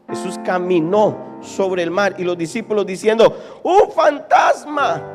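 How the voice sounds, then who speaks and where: A man preaching a sermon as pastor to a live congregation, animated and dramatic, questioning the listeners directly and acting out scenes from the text. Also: high-pitched. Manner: animated, dramatic preaching, acts out Bible quotes. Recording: reverberant church hall with keyboard music.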